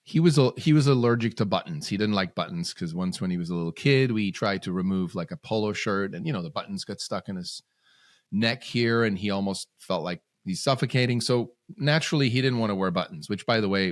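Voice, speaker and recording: He's low-pitched but lively in intonation, talking a little fast, in a dry, clean studio recording. This Swiss podcast guest tells his story in bursts during a casual storytelling interview, with sudden rises and phrases he starts over.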